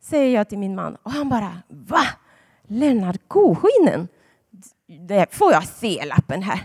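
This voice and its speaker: A woman's voice: mid-range voice, big pitch swings, darkish tone, breathy edge. A woman preaching a sermon to a congregation, telling personal stories in a chatty way with dramatic emphasis. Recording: long hall reverb.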